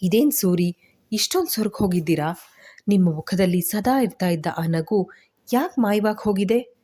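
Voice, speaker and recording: A woman's voice: mid-range voice, lively intonation, normal speed, warm tone, breathy edge. A woman doing a cold, sarcastic young mother. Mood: worried. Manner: sarcastic, curt.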